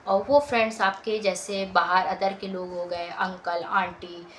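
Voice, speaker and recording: A woman's voice: mid-range voice, steady tone, measured pace, fairly bright tone, low-quality recording. A young woman, telling a story from her school days in a casual vlog and repeating her phrases often. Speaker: vlogger. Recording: faint background noise.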